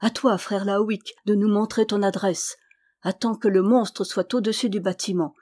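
A woman's voice: medium pitch, fairly even intonation, moderate pace, warm tone, close to an everyday voice. A woman voicing a brave young man who urgently commands his brothers in a storybook tale. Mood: alarmed.

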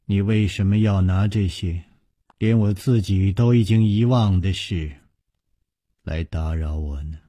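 A cold, guarded widow who speaks low and measured, as a male storyteller puts her on. The voice is husky and sinks quiet and deep, with slow, restrained phrasing. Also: no room sound, studio quality. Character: cold guarded middle-aged widow, a sect matriarch. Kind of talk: wuxia novel storytelling.

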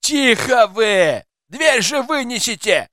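A man's voice: on the high side, measured pace, fairly bright tone, dry recording, clean studio sound. A man reading aloud and voicing a hostile, paranoid gray-haired developer who snarls and barks at intruders. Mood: yelling. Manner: snarling, barking orders.

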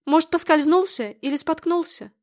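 A woman reading aloud gives a young mother, tense and guarded, her high voice rising sharply whenever fear takes hold. It is an audiobook reading, pitched a little above the usual. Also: animated, normal speed, a little mellow. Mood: alarmed. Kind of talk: audiobook character voicing.

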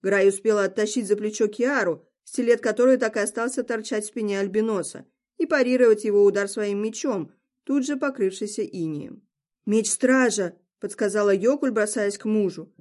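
A woman's voice: mid-range voice, fairly quick, darkish tone. Woman reading a fantasy audiobook. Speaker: audiobook reader. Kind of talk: scripted fantasy narration.

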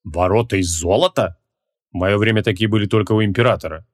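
A man voicing an arrogant ancient male mage who talks in a low, dry, dismissive drawl. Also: fast talker, close to an everyday voice.

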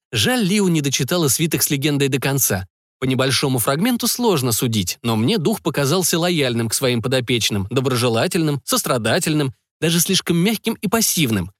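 A male audiobook narrator with a slightly high, lively voice, musing wryly on the story. The recording is dry and close. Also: normal speed, no room sound.

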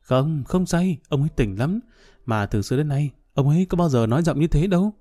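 A man's voice: fairly high pitch, expressive, brisk, warm tone, no echo, clean studio sound. A man voicing a frightened young wife who pleads anxiously in a storybook reading. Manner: worried, pleading.

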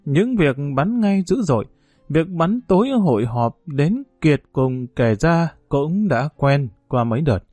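Man, audiobook narration, dark mellow tone, dry close sound, soft plucked guitar behind. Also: on the high side, sing-song, measured pace, dry recording. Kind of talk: scripted narration of a novel.

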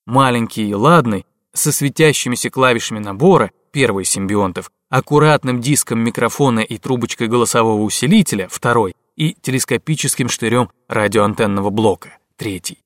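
Male audiobook narrator, mid-pitched, steady and measured, dry close sound. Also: dry recording. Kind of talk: scripted narration.

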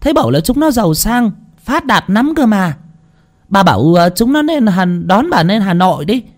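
A man voicing a loud, anxious old village neighbor woman who shouts her warnings. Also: sing-song, normal speed. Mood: urgent shouting. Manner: shouting, high-pitched, urgent.

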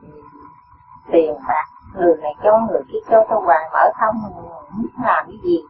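Respectful male questioner, plaintive and halting; tinny noisy phone line. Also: a little high, distant mic. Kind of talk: asking a teacher for advice.

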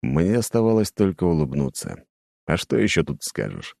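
Very deep-voiced male audiobook narrator. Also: sing-song, creaky, darkish tone, dry recording, clean studio sound. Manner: somber, measured. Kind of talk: first-person audiobook narration.

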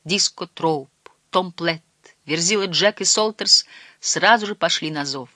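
A reader giving measured, scripted narration of a storybook. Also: medium pitch, bright, forceful tone, dry recording, studio quality. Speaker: audiobook reader.

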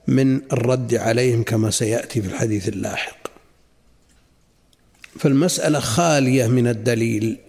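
An older man, a sheikh, teaching a classical religious lesson in a measured way, repeating phrases and asking rhetorical questions. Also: mid-range voice, a little mellow.

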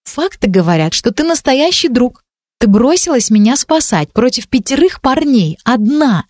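A woman doing a gentle earnest young girl. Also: sing-song, normal speed, no echo, studio quality. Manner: high, soft and earnest.

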